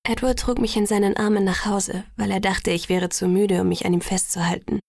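A woman narrates a first-person novel in a soft, intimate audiobook reading. Her voice is husky, with a gravelly creak at phrase ends. The sound is close and dry, with no room around it. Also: medium pitch, little pitch movement, a little fast, no room sound. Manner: soft, intimate, sometimes whispered.

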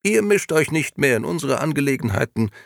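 A man's voice: very animated, fairly quick, creaky, no room sound, studio quality. A man voicing a cold, disembodied menacing voice that coaxes and threatens by turns. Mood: coaxing. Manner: coaxing, then shrill and commanding.

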